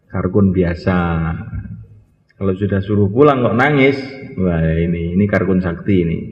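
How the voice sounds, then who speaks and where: A man preaching a sermon to students. He tells stories, acts out the dialogue in them, and quizzes his listeners. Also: slight background noise. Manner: storytelling, acting out quoted dialogue with jumps in pitch. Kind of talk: sermon with storytelling. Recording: dull, echoey hall recording.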